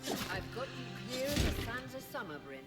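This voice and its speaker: A reassuring guide in a video game. His voice is high and swoops in a lively lilt. Loud music plays beneath him. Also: normal speed. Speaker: game character.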